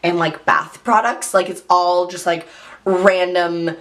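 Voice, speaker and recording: A woman talking casually about her favorite beauty products, hoarse after losing her voice, chatty and full of "like", clearing her throat now and then. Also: fairly low pitch, steady tone, slow pace. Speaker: beauty vlogger. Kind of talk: casual chat.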